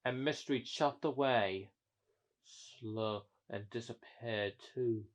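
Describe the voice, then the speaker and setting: A man's voice: medium pitch, slow. A man narrating an improvised toy-train story, with frequent restarts and repeated words.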